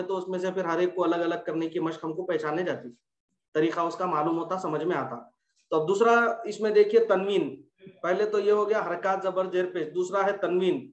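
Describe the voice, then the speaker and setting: A man teaching an online Quran recitation class, patiently repeating letter drills and quizzing his students. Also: high voice. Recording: echoey room, dull lo-fi sound.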